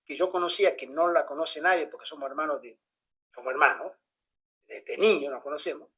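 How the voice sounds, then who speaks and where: Animated storytelling man. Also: fairly high pitch, fairly quick, breathy edge, poor audio. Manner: animated, acts out the dialogue of others. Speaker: pastor. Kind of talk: storytelling in casual conversation.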